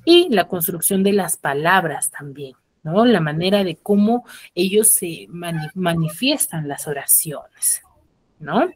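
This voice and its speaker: A woman's voice: lowish voice, expressive, a little slow, husky. Woman teaching an online class. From Peruvian highlands. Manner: checks in with students, frequent tag questions.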